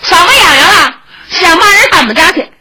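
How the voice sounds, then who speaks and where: A woman voicing a hearty old male hero who talks briskly, bantering and commanding. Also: very high-pitched, lively intonation, pushed and bright, pitched above the performer's own voice, exaggerated voice. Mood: teasing.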